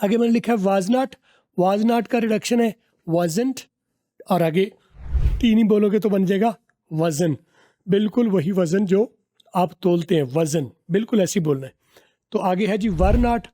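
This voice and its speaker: A man teaching English pronunciation, explaining step by step, repeating example phrases slowly and drawn out, and asking his learners to guess. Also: high voice, warm tone. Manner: asks learners to guess answers.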